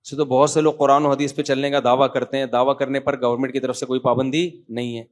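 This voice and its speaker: A man's voice: mid-range voice, level tone. A middle-aged man with a Pakistani Urdu accent, a tired cleric reading out written questions and answering them in a conversational sermon, often calling listeners brother.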